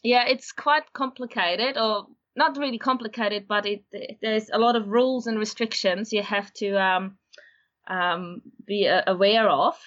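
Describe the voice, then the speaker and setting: A woman originally from Austria talks as a guest about breeding horses and walks through the details patiently, at an even pace. Her mid-pitched voice comes through slightly dull and lo-fi, as if over a remote call. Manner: steady, explanatory, unhurried. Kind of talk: casual interview.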